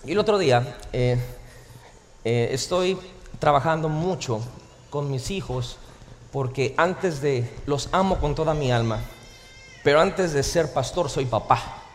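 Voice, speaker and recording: Male pastor, lively high-pitched sermon delivery, playful humor, church hall with long reverb. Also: a little slow, pauses often, a little hiss or hum. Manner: animated, joking preacher. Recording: reverberant hall, faint ambience.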